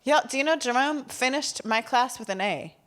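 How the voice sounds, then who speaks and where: A woman's voice: high-pitched, moderate pace. A woman who once taught school gives a keynote talk, telling stories with playful asides. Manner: storytelling, animated, playful asides. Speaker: keynote speaker and former teacher.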